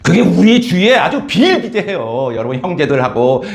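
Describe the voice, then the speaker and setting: A male preacher retells a parable with animated storytelling. His voice sits high and swings widely, and he keeps calling on his listeners. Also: moderate pace, vocal fry. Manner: animated storytelling, frequent "예?" and "여러분". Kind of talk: sermon.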